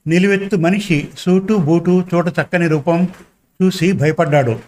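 A man narrating a story in steady, measured storybook reading. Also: a little high.

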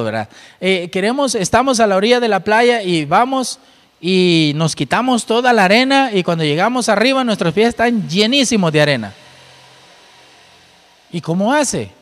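A man's voice: high voice, big-room sound. A man preaching a sermon, explaining scripture and asking his listeners rhetorical questions.

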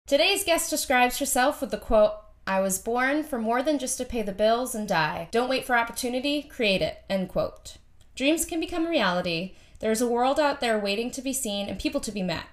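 A fairly high-voiced woman co-hosts a podcast, introducing the guest and putting questions to her. She sounds friendly and upbeat. Faint music plays behind her. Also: expressive, moderate pace. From United States. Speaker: podcast co-host. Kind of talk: podcast host intro and interview.

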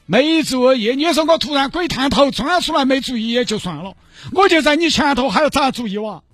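A man's voice: very high-pitched, animated, fairly quick, fairly bright tone, no echo, soft background music, pitched above the performer's own voice, heavily acted. A man voicing a cranky seventy-year-old man who scolds and nags in a Sichuanese accent. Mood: angry. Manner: scolding, nagging.

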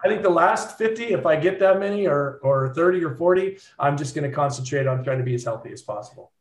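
A man's voice: a little high, animated, quick pace, roomy sound. A man in his fifties, a guest on a podcast, talking in an earnest, upbeat, reflective way in casual conversation. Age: 50s. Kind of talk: casual interview chat.

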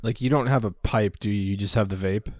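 A young man co-hosting a podcast, joking in a deadpan way and swearing a lot. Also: lowish voice, a little fast, no echo, studio quality. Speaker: podcast co-host. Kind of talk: casual podcast chat.

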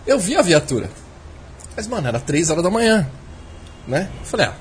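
A man's voice: sits high, sing-song, moderate pace, a little hiss or hum. A man telling a casual anecdote in a podcast chat. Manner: chatty, tells anecdotes.

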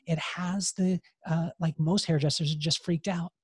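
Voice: mid-range voice, fairly even intonation, normal speed, breathy edge, no echo, studio quality. A hairdresser and salon coach speaking as a podcast guest, emphatic and given to repeating key phrases. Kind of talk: podcast interview, motivational advice.

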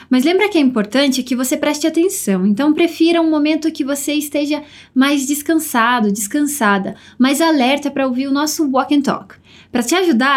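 A woman with a Brazilian Portuguese accent teaching a podcast language lesson, upbeat and encouraging, slowing down to model pronunciation. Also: high-pitched.

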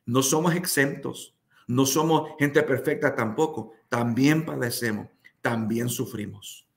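Emotional pastor telling a testimony. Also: male voice, medium pitch, measured pace, gravelly. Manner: emotional, dramatic retelling with quoted voices. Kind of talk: testimony storytelling.

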